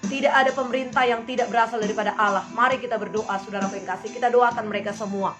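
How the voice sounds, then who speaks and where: A woman's voice: a little high, fairly even intonation, racing. A woman pastor, preaching and praying fervently and calling out to her listeners again and again. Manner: fervent, repeatedly calls the listeners "my brothers and sisters". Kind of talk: sermon and spoken prayer. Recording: music playing behind the voice.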